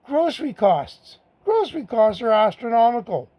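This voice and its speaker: A man's voice: very high voice, very animated, normal speed, warm tone. A middle-aged man, giving a blunt, angry political rant to the camera, repeating his own rhetorical asides. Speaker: vlogger.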